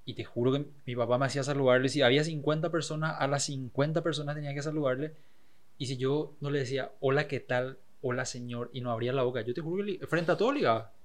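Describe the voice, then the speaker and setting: A man's voice: medium pitch, quick pace. Man chatting as interviewer. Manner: conversational, tells personal anecdotes. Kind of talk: casual interview chat.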